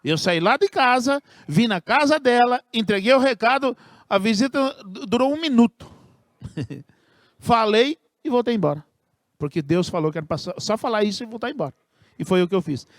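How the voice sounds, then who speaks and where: A pastor preaching a sermon in an earnest, emphatic way, slowing down to stress key phrases. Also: male voice, very high voice, lively intonation, no echo, clean studio sound.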